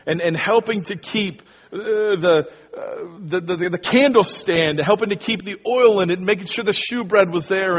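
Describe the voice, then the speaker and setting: In a high, husky voice, a man preaches as pastor, speaking to the congregation in a relaxed, direct way. Long hall reverb fills the dull, lo-fi recording.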